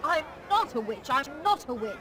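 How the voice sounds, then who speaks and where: Bloke doing shrill witch insisting innocence, comedy game, super high n sharp, bit of crowd. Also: very animated, normal speed, heavily acted. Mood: indignant protest.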